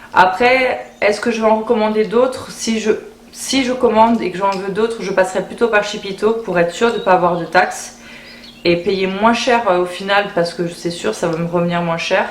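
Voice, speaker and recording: A woman's voice: medium pitch, fairly even intonation, normal speed. Chatty woman vlogger in a roomy space. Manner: chatty, repeats words while thinking. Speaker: beauty vlogger. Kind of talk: casual haul video chat. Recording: roomy echo, faint background hiss.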